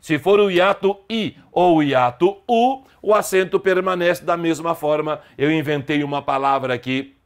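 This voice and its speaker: Brief: middle-aged Brazilian man, online grammar teacher, slightly high voice, emphatic and explanatory. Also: moderate pace, hardly any pauses, clear, resonant tone. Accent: Brazilian Portuguese. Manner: explanatory, emphatic, lively pitch swings on example words.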